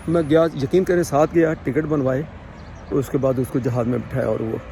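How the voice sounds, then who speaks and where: A man from Pakistan, telling a personal story in a casual, animated way and acting out the dialogue. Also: fairly high pitch, slight background noise. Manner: animated, acts out quoted dialogue. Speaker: vlogger.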